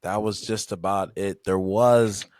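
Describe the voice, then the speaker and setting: Low-voiced young man reading off stats. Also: steady tone, measured pace, a little mellow, no echo, clean studio sound. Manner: laid-back, reels off stats, sighs. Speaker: podcast host. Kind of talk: casual sports chat.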